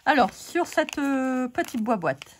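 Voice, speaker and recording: A woman's voice: high voice, big pitch swings, takes it slowly, slight background noise. A woman with a French accent losing her voice, chatting casually to viewers about craft supplies with many fillers. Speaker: craft channel host. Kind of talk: casual craft haul chat.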